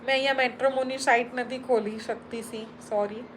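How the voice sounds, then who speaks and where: A woman's voice: on the high side, steady tone, fairly quick, a little hiss or hum, poor audio. A Gujarati woman hosting a live stream, chatting casually as she reads viewer comments aloud and answers them one by one. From Gujarat, India.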